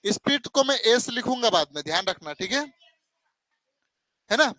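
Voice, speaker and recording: A man's voice: very high voice, lively intonation, moderate pace, sharp tone, dry recording, rough recording. A man teaching a math class. He talks sternly, calls his students "beta", and keeps asking "hai na?". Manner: stern, scolding, calls students 'beta', asks 'hai na?'. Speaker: coaching teacher. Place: classroom with students and online viewers.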